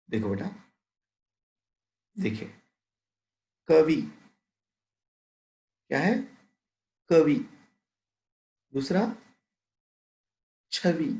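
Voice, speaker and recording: A man teaching a recorded Hindi lesson to young children, drawing out each word slowly, glossing meanings in English and calling his pupils "beta". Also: mid-range voice, a little mellow. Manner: slow, drawn-out word-by-word pronunciation, explaining meanings with English glosses; addresses pupils as "beta", asks frequent checking questions. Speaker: primary school teacher. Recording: echoey room.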